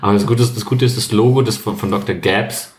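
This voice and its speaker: A man's voice: fairly low pitch, fairly even intonation, fast. A man co-hosting a casual podcast, sarcastic and critical of designs. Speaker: podcast co-host. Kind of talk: casual chat. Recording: echoey room.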